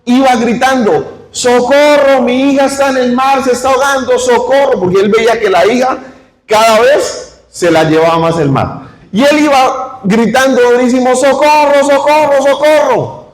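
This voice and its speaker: A man preaching a sermon, telling a story with growing emotion and then leading a slow, soft prayer. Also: high-pitched. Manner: storytelling with rising emotion, then prays softly. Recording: echoey hall with long reverb.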